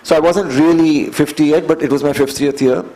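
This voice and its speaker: Slightly high-voiced Indian man in his fifties. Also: fairly even intonation, dark tone, poor audio. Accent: Indian English. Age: 50s. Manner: earnest and measured, building points by repeating phrases. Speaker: guest, endurance athlete. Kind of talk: conversational storytelling interview.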